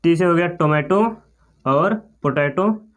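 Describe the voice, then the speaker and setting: A man from India teaching English pronunciation in a slow, repetitive classroom manner, checking in with "okay" after each point. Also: a little high. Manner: slow, repetitive, often says "okay" and "clear".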